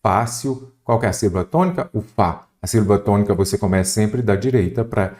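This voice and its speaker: A man's voice: on the low side, fast talker, dark tone. A man with a Brazilian accent teaching an exam-prep Portuguese grammar lesson, stressing syllables and asking the viewer questions.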